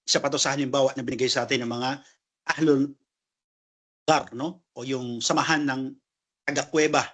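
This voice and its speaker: A man teaching a religious class, explaining each term as he goes and often checking in with a quick "no?". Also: mid-range voice, fairly even intonation, fairly bright tone. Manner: explains terms, tags sentences with "no?". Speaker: Islamic lecturer.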